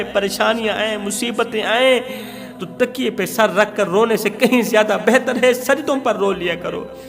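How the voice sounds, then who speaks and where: A gravelly, high-sitting male voice with a Pakistani accent belongs to a preacher and religious storyteller. He recounts a moral tale in a declamatory, dramatic sermon manner, repeating himself emphatically, amid long hall reverb and music.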